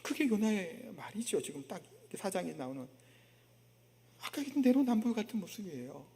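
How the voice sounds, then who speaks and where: Male pastor, high voice, chatty sermon full of rhetorical questions, long church-hall reverb. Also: big pitch swings, a little fast, warm tone. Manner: conversational preaching with rhetorical questions, acting out an indignant prophet. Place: church sanctuary.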